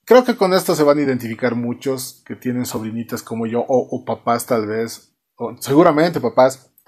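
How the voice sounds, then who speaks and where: A young man from Bolivia casually retelling a cartoon episode, animated and laughing as he acts out the characters. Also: mid-range voice, normal speed, breathy edge. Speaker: host reviewing a cartoon series.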